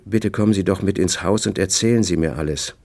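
A man reading the lines of a composed, reserved grown woman in an audiobook, barely shifting his own deep voice. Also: brisk, darkish tone. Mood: polite.

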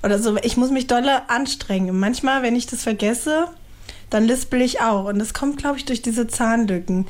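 A woman's voice: a little high, normal speed. A woman in her thirties chatting casually as a mother, often laughing as she talks. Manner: chatty, laughs while talking. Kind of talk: casual chat.

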